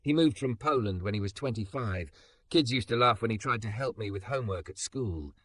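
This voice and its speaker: A man's voice: lowish voice, animated, fairly quick, fairly bright tone. A man voicing a remorseful young woman marketer, emotional and close to tears. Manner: emotional, voice catching.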